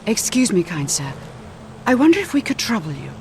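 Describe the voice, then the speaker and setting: An actor voicing a polite, timid young admirer of warriors in a video game, eager and awed. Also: male voice, high voice, huge pitch swings, a little fast, exaggerated voice. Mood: eager awe. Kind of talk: video game character dialogue. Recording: noisy ambience behind the voice.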